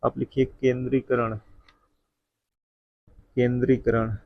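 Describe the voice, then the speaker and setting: A man gives a spelling dictation in a very slow, measured way, saying each word again and again. His voice is gravelly. The recording is dry and close, with a dull, lo-fi sound. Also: medium pitch, level tone, dry recording. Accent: North Indian Hindi. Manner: addresses viewers as friend. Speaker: Hindi teacher.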